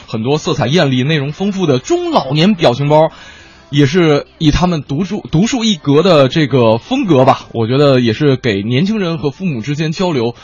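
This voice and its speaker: Brief: animated male radio host, husky voice, heard over muffled AM radio. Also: on the high side. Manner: quick, animated, playful banter. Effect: AM radio broadcast sound. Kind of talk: lively radio variety chat.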